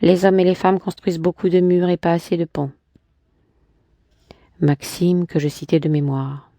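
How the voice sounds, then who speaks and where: A woman reading a novel aloud in a measured literary manner, sometimes stopping to restart a line. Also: fairly low pitch, little pitch movement, dark tone, no echo.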